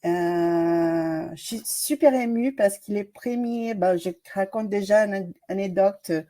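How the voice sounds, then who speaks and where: Slow, mellow woman with a Brazilian accent. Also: medium pitch. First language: Portuguese. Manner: hesitant, many fillers and restarts. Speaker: doctoral student presenting research. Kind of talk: academic webinar presentation. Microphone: video call.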